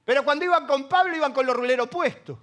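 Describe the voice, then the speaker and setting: Here the same kind of speaker, a middle-aged pastor from Argentina with a Rioplatense accent, sounds very high and fairly bright, speaking fast. He delivers a humorous sermon full of anecdotes and quizzes his congregation along the way.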